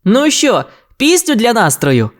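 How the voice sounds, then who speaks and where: A woman's voice: fairly high pitch, sing-song, a little slow, voice pushed up. A woman voicing a brave, friendly male cowboy toy. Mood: hearty. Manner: hearty, upbeat.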